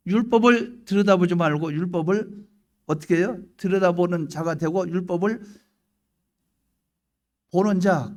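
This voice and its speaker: A middle-aged man preaching a sermon as pastor, moving between hushed prayer and loud questions to the congregation, acting out little scenes in his own voice. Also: high voice.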